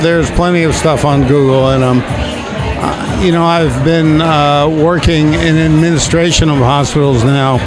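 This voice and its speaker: A mature man answering interview questions as a doctor, in a measured, hesitant and formal way. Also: a little high, low-quality recording. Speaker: doctor and hospital administrator, interviewee. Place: busy gala event. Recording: music and crowd chatter behind.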